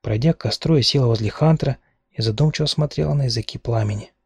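Husky male audiobook narrator. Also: mid-range voice, quick pace, darkish tone, no echo. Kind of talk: first-person novel narration.

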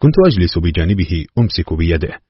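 A man reads a novel aloud in a steady, solemn way. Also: low-pitched, quick pace, slightly rough. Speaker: audiobook reader. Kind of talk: novel narration. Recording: dull, dry lo-fi recording.

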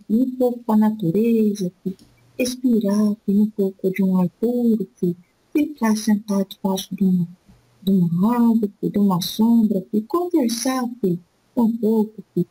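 A woman speaking as an elderly spirit guide in a spiritist session, giving gentle fatherly counsel and calling the listener "my son" after nearly every phrase. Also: mid-range voice, breathy edge, close to an everyday voice, poor audio. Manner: slow, repetitive, soothing advice.

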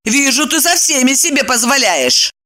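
A woman's voice: high voice, sing-song, normal speed, sharp tone, pitched above the performer's own voice, full character voice. A woman playing a fiery, indignant young woman. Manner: indignant and demanding. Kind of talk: audiobook character voice.

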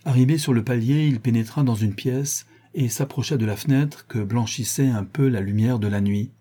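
Dark, husky male narrator. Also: mid-range voice, normal speed. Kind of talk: audiobook narration.

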